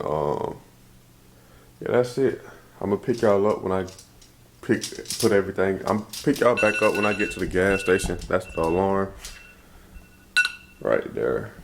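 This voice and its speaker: A young man vlogging casually to his phone camera, rambling loosely with slangy speech and thinking out loud as he corrects himself. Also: low-pitched, background noise. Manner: laid-back slangy speech. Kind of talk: casual vlog talk to camera. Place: at home, then in a car before dawn.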